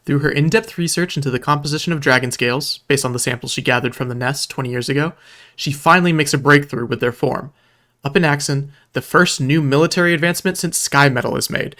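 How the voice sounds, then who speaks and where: A man with a slightly high, sharp-toned voice reads scripted recap narration for a video about a roleplay game event. He tells it in a storytelling style, delivering it dramatically with wry asides.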